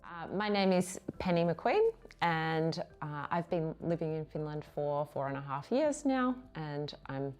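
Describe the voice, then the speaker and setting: A woman with an Australian accent, speaking in a friendly, steady way in a corporate interview. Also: low voice, unhurried, few pauses. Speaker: IT project specialist. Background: soft music.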